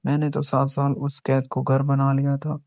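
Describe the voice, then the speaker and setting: A man voicing a patient, devoted young woman in a storybook reading, with a soft pleading delivery. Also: mid-range voice, monotone, no echo, studio quality, close to an everyday voice.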